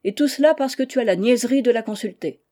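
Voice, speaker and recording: A woman reading the part of a hot-tempered older general who blusters indignantly, in a mellow voice. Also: fairly high pitch, animated, quick pace, voice pushed up. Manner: blustering, indignant, loud outbursts.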